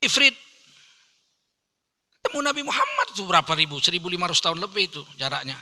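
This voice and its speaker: A man's voice: sits high, fast. A man preaching a sermon, telling stories humor and acting out the voices in them. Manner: animated storytelling, jokes, acts out quoted voices.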